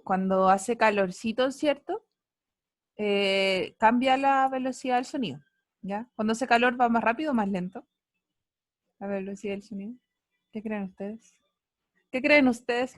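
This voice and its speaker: Woman teacher on a video call, slow and teasing, fairly high voice. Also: no room sound, clean studio sound. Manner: playful, teasing students, asks many questions. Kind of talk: online class lesson. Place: home, online class. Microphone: computer mic on a video call.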